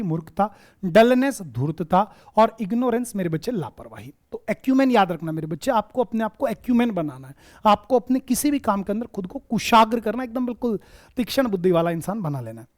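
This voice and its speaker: A man with a high-pitched, slightly mellow voice hosts a vocabulary lesson for exam students, fondly calling them "my child" and "dear." He teaches in Hindi, mixes English words into his explanations and repeats quiz questions back.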